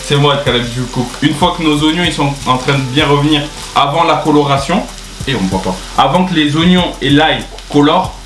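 A man's voice: fairly high pitch, brisk, a bit bright, a little hiss or hum. A man in his twenties chatting casually and giving cooking instructions to camera as co-host of a home video. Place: small tiled home kitchen, indoors. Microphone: camera at about arm's length or further. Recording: echoey kitchen, music and frying behind.

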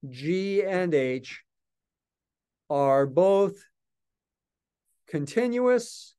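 A man's voice: high-pitched, big pitch swings, drawn-out words, mellow, clear, resonant tone. An older man giving a recorded calculus lecture, talking patiently and thinking aloud as he writes at a desk in a small office. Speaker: math lecturer.

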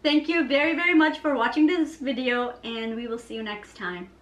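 A woman's voice: high voice, normal speed. A woman, hosting a casual challenge vlog in a kitchen, a few feet from the camera. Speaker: video host. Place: indoor kitchen at a counter. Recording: echoey room, background noise.

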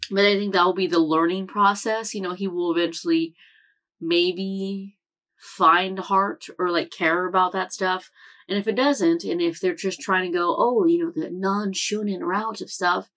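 A young woman hosts an anime reaction channel from a room at home, giving a casual recap full of fillers and self-corrections. Her voice is fairly low and fairly bright.

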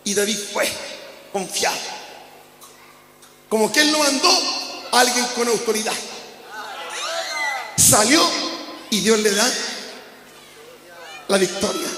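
A man preaching a sermon as pastor, often shouting for emphasis. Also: extremely high pitch. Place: church hall. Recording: echoey hall with background noise.

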